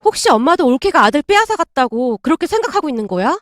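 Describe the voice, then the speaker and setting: A woman voicing a middle-aged mother who confides in a hushed, lower tone. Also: very animated, fast talker, no echo, studio quality. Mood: reproachful.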